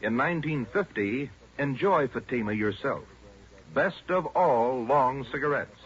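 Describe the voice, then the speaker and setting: Male commercial announcer, lively swinging pitch, emphatic sales read, 1940s radio, dull recording. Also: measured pace, a crowd in the background.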